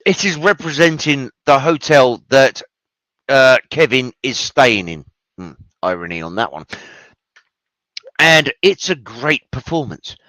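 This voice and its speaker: A man's voice: medium pitch, expressive, unhurried, sharp tone, no room sound, poor audio. A man hosting a show, giving casual, enthusiastic film commentary with rambling asides and free swearing. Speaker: podcast host.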